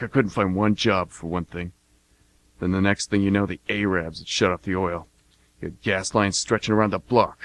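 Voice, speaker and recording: In a radio play monologue, an actor portrays a blunt, cocky American mercenary who is a war veteran, speaking in a folksy, plain-spoken manner. The male voice is low-pitched and a bit bright. There's no room sound, and the audio is poor.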